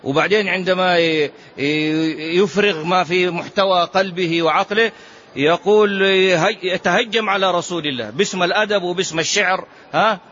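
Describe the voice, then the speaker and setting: A man's voice: sits high, normal speed, fairly bright tone, slight background noise. A man teaching as a sheikh in a religious lesson, speaking with passion and firing off rhetorical questions. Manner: impassioned, fires rhetorical questions. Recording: muffled lo-fi lecture recording.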